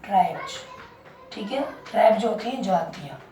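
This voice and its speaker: Slow, patient woman teacher in echoey room. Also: a little high, dark tone, distant mic. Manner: repeats points and quizzes listeners with questions. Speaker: English pronunciation teacher. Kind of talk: classroom-style lesson. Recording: echoey room, voice from off mic, faint background noise.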